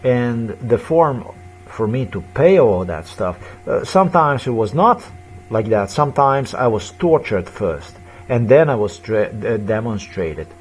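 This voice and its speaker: Agitated man in his fifties, ranting slowly. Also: medium pitch, animated, a little hiss or hum. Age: 50s. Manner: agitated, repetitive, accusatory; broken non-native English grammar. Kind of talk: ranting monologue to camera.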